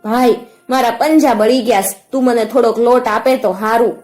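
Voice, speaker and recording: A woman's voice: fairly high pitch, fairly even intonation, moderate pace, darkish tone, faint music behind, pitched above the performer's own voice, natural voice. A woman voicing a sly, hungry wolf who fakes a mother goat's voice, with sugary coaxing that turns to threats. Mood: sweetly coaxing. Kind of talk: storybook narration.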